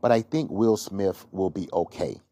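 Low, mellow-voiced man hosting a gossip show. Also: moderate pace, dry recording, studio quality. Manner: opinionated, rambling with fillers and restarts. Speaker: gossip podcast host. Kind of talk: casual solo commentary.

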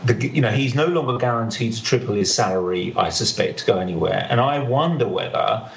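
A man's voice: mid-range voice, animated, fairly quick, gravelly. A man giving opinions in a casual football discussion, arguing his case by restating points. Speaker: podcast panellist. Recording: roomy, muffled, faint background noise.

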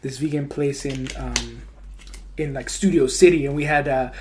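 A man's voice: mid-range voice, fairly even intonation, normal speed, background noise. A young man who grew up in Mexico, chatting casually on a podcast, laid-back with lots of slang and swearing. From Mexico (Durango). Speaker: comedian and video creator, podcast host.

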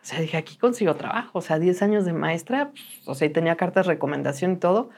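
A woman's voice: on the low side, quick pace. A middle-aged woman chats as a guest in an interview. She tells her story with energy and acts out the voices of people in it. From Mexico. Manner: animated storyteller who acts out quoted dialogue. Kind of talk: casual interview chat.

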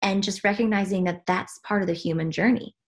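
Speaking fairly quickly at medium pitch, a Swiss woman shares her path as a spiritual teacher in a reflective podcast conversation. She is earnest, frequently breaking off and restarting as she searches for the right phrasing.

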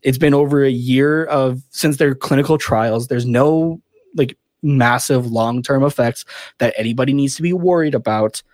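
A man's voice: medium pitch, normal speed, a little mellow, no room sound. A man co-hosting a sports podcast, talking casually and bluntly. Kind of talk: casual chat.

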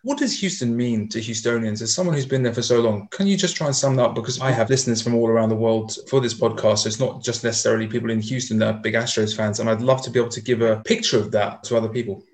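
A man's voice: mid-range voice, fast talker, hardly any pauses, a little mellow. A man hosting a podcast, asking long winding questions full of fillers. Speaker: podcast host. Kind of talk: podcast interview.

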